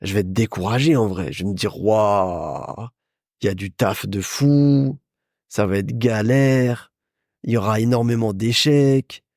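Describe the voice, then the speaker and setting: A young man hosts a casual business podcast, giving advice while talking straight to the listener, chatty and full of repetition and restarts. His voice is lowish with a darkish tone at a measured pace, in a dry recording of studio quality.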